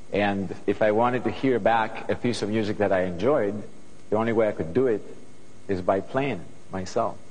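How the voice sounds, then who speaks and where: A middle-aged man from Greece with a Greek accent, serving as guest composer, speaks earnestly to students on a studio stage through a lapel mic. Thoughtful, he often starts his sentences over, in a fairly low, darkish voice. The low-quality recording was made in a large hall.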